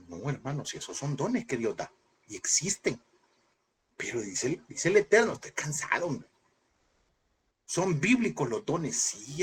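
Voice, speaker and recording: A man teaching a Bible seminary class in a lively preaching style, asking rhetorical questions and acting out scenes in sudden high shouts. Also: slight background noise. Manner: animated, mimics voices with sudden high shouts; addresses listeners as brother, rhetorical questions.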